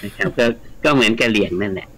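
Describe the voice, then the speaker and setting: A man's voice: on the low side, fast talker, a bit bright, slightly rough, low-quality recording. A man, a guest scholar, explaining at length in a radio studio interview, chatty and lecturing, with frequent polite particles. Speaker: guest scholar of the Mekong region.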